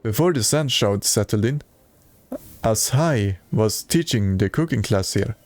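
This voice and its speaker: A man's voice: fairly low pitch, expressive, measured pace, faint music behind. A man streaming a video game and reading its dialogue aloud in a plain way, with occasional stumbles.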